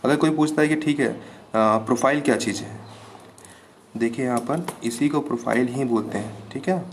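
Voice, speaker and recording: A man teaching an engineering class, explaining each term slowly and checking over and over that students follow. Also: mid-range voice, a little hiss or hum. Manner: patient, repeats terms with "ठीक है, clear है" checks. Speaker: engineering lecturer. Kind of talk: classroom lecture.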